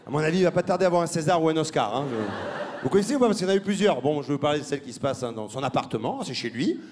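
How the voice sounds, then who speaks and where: A man doing a stand-up style comic monologue, mocking and laughing, breaking into squeaky put-on voices. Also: sing-song, rapid-fire, background noise. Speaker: stand-up comedian.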